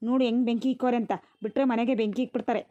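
Woman doing a cartoon village grandmother, rural Karnataka Kannada accent, scolding and cursing, high voice, dull lo-fi sound. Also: fairly even intonation, very fast, dry recording, close to an everyday voice. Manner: scolding, lamenting, cursing loudly. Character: older village woman, sharp-tongued and quick to curse. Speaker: mother-in-law and wife in a cartoon household. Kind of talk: cartoon voice acting.

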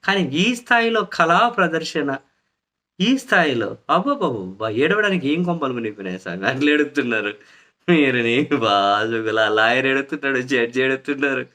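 A man's voice: mid-range voice, moderate pace, pushed and bright. A man delivering a sarcastic, mocking political commentary monologue.

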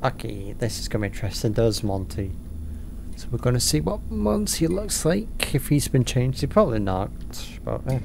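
A man's voice: medium pitch, very animated, normal speed, creaky, background noise. A man casually commentating while playing a horror game, rambling and easily startled. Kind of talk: casual let's-play commentary. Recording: game music loud behind him.

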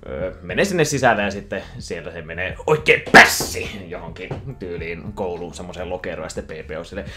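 Lively low-voiced man retelling a film. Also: hardly any pauses, soft background music. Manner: animated, breaks into voices and laughter. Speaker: YouTuber. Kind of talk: casual retelling of a film from memory.

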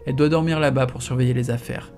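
A man's voice: medium pitch, steady tone, quick pace, darkish tone, soft background music. A man reading a novel aloud in the first person, in a casual, slangy storytelling manner. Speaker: audiobook reader.

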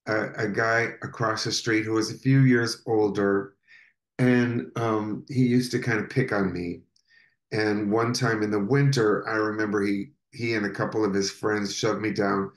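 A man's voice: fairly low pitch, reverberant. A man, a guest in a casual interview, tells personal stories with many fillers and restarts.

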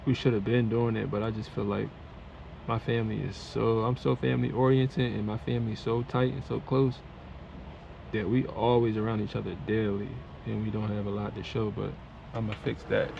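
A man's voice: lowish voice, flat delivery, moderate pace, gravelly, darkish tone, dull audio. A man who drives a truck, talking to his vlog camera from the cab in a laid-back, slangy, chatty way. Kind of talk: casual vlog talk to camera. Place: inside a truck cab at a warehouse. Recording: noisy truck cab ambience.

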